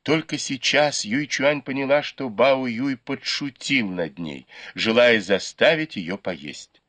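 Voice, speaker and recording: A man narrating a classic novel as an audiobook, in measured storytelling. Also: mid-range voice, expressive, fairly bright tone, dry recording. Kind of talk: scripted narration.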